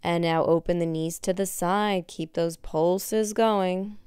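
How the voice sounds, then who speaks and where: A young woman leads a workout in the manner of an aerobics instructor. Her voice is slightly low and very clean, with little room echo. She gives encouraging cues while doing the exercises herself. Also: fairly even intonation, takes it slowly, a little mellow, clean tone, studio quality. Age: young adult. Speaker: fitness instructor. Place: indoor wood-floored exercise studio.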